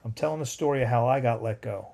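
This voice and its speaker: A man's voice: medium pitch, fast talker, vocal fry, warm tone. A man in his fifties hosting a home livestream, telling a rambling personal story and breaking off to greet chat viewers by name. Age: 50s. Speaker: livestream host.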